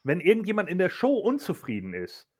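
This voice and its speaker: A man's voice: high voice, wildly swooping pitch, fairly quick, a little mellow, slightly rough. A man hosting a casual podcast, rambling through a recap with many fillers. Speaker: podcast host.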